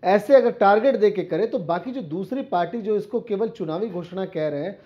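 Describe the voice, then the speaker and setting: A man anchoring a televised political debate, briskly framing questions and handing the floor to his guests. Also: high voice, lo-fi sound. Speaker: news anchor.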